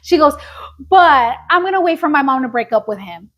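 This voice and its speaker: A woman's voice: sits high, expressive, fairly quick, fairly bright tone. A woman co-hosting a casual chat podcast, telling gossip and mixing Spanish words into her English. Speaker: podcast co-host.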